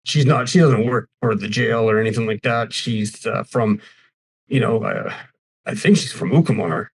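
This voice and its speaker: A man's voice: fairly low pitch, moderate pace, vocal fry, slightly rough, low-quality recording. A man voicing a nervous, apologetic prison guard who stammers and rambles politely. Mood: rambling.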